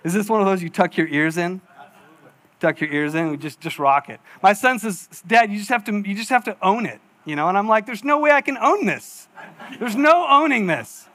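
A man's voice: sits high, animated, normal speed, pushed and bright. A man in his forties preaching a sermon in a church, chatty and self-mocking, acting out little asides as he tells stories. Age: 40s. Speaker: pastor. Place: church hall.

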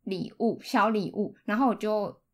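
A woman's voice: mid-range voice, normal speed. A woman with a Taiwanese accent telling personal stories in a casual podcast chat.

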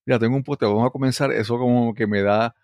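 A man's voice: mid-range voice, fairly even intonation, quick pace, a little mellow, no room sound. A male podcast host with an ordinary mid-range voice. He asks long, winding questions, often restarting himself. The recording is close and dry. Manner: chatty, rambling questions with restarts and laughs. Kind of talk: conversational interview.

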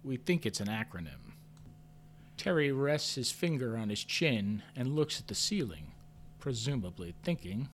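A man narrating an audio drama in first person, mid-pitched, with a pitch that swings widely and expressively. His delivery is measured and understated, with a faint hum underneath. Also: big pitch swings. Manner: measured and understated, lifts sharply in his own character's questions.

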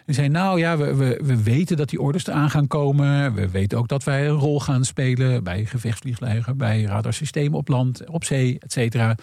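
A mid-range, creaky, darkish male voice moves at a moderate pace with few pauses, recorded clean in a studio with no room sound. As a guest analyst explaining earnings calls, he talks conversationally and acts out imagined bits of dialogue along the way.

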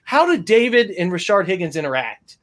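A man's voice: high voice, sing-song, brisk, a bit bright. A man co-hosting a casual sports podcast, talking with enthusiasm and many restarts. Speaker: podcast co-host.

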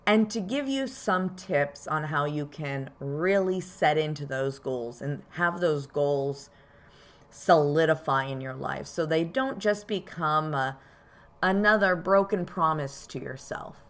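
A woman's voice: low-pitched, takes it slowly. A woman hosting a podcast as a card reader, explaining things informally and directly to her listeners.

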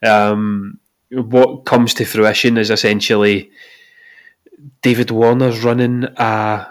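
A Scottish man with a mid-pitched voice leads a relaxed film chat with his co-hosts. He talks easily and prompts the others with questions. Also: slow. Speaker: podcast host.

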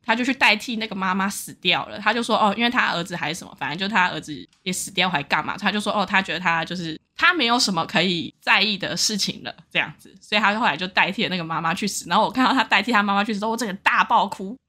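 A young woman chats on a podcast, telling stories and laughing often. Her voice is bright and her pace is fast. She sounds easy and talkative. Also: mid-range voice. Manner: chatty storytelling, laughing often. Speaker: podcast co-host. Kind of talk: casual chat.

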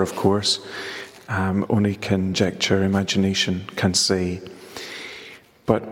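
A man speaking reflectively and reciting in a measured, literary way, in a stone chapel with a big hall echo. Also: low voice. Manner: measured, contemplative, literary phrasing. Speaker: poet and guide reading his own poem. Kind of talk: reflective storytelling and poetry reading. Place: small stone chapel with open door.

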